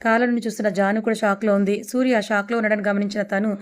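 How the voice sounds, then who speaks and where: A woman narrating an audio love story at a fast pace. Her delivery is even and flat, with little rise and fall, in a plain storytelling manner. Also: mid-range voice, clear, resonant tone.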